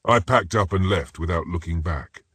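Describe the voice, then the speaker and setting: A man narrates first-person horror stories in a steady, ominous, scripted read. His voice is very deep with a husky edge. The recording is close and dry, with no room sound. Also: normal speed, no room sound.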